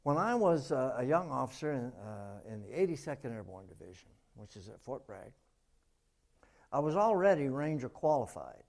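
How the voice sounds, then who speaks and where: A man's voice: mid-range voice, very animated, normal speed, creaky, darkish tone. A man and military veteran telling a joke and a story at a forum, in a folksy way with frequent hesitations. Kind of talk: storytelling talk with jokes.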